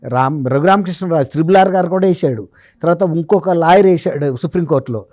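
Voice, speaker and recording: Speaking quickly, a male journalist gives political commentary as a guest in a casual interview. The recording is close and dry, his voice pitched a bit high but deeply mellow, and he leans on rhetorical questions to make his emphatic arguments.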